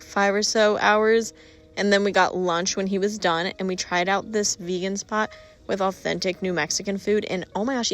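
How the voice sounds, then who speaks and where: A woman narrating her travel vlog in a chatty, upbeat voice-over. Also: medium pitch. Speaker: travel vlogger.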